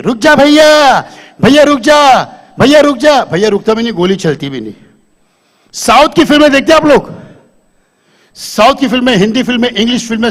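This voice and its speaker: Fields: Man, high-voiced stand-up comedian on stage. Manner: animated, quizzes the audience. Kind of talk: live stage comedy with impressions. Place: event stage with live audience.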